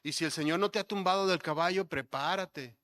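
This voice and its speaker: A male pastor preaching a sermon, building to emphatic points and dropping to soft, low asides. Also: fairly quick. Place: church sanctuary.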